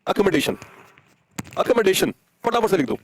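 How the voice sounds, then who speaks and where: Indian man, young adult, online English teacher, fast repetitive coaxing, higher voice. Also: big pitch swings, slight background noise. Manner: fast, coaxing, repeats words and spells them out letter by letter. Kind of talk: live online class.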